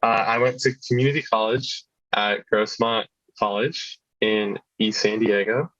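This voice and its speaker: A young man from California's Central Valley introduces himself on a student panel in a relaxed, easygoing way. His voice is low and fairly flat. The video call audio is dry and a bit dull. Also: a little slow, no echo. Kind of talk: casual self-introduction.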